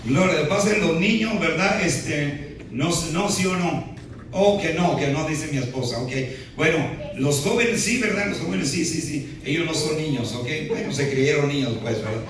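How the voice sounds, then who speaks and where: A man preaches a sermon in a church, his voice pitched a little high. He keeps checking in with the listeners and slips in light jokes. The sound comes from some distance away and rings around a big, very echoey hall, with faint noise underneath. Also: lively intonation, moderate pace, crowd noise. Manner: peppers speech with "¿verdad?" and playful asides. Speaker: pastor. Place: church sanctuary.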